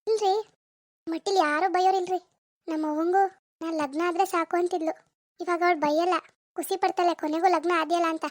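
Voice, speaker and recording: A woman voicing a gentle young village wife in a cartoon, with a North Karnataka accent and a soothing, reassuring manner. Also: very high-pitched, steady tone, fairly quick, pauses often, no echo, clean studio sound. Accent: North Karnataka Kannada.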